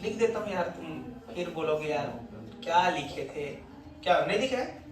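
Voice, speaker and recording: High-voiced teacher in an echoey classroom. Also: male voice, animated, normal speed, crowd noise. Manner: teasing, quizzing students constantly. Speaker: physics teacher. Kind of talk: classroom lecture. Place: classroom with students. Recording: echoey classroom from far off, students murmuring.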